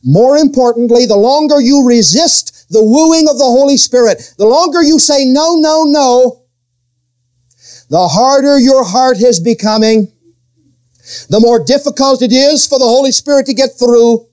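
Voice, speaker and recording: A middle-aged pastor preaches with a rather high voice for a man. He swings his pitch up and down and stretches out key words for weight. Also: unhurried, darkish tone. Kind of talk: sermon.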